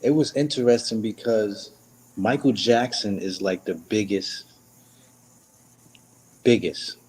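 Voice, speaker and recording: A man's voice: fairly low pitch, takes it slowly, darkish tone, breathy edge. A young man, chatting as an interview guest, rambling with lots of fillers and restarts. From Brooklyn, New York. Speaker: guest singer. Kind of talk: casual interview.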